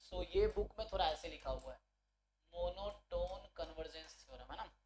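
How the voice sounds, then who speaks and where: A man's voice: sits high, darkish tone, slight background noise. Man teaching, checking in constantly. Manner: explains step by step, often checks understanding with tag questions; reads definitions out slowly word by word. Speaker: statistics teacher. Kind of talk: online exam-prep lecture.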